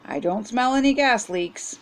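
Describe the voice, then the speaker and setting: A woman's voice: a little high, animated, a little slow. An older woman reading aloud, voicing a cheerful young firefighter puppy in a storybook.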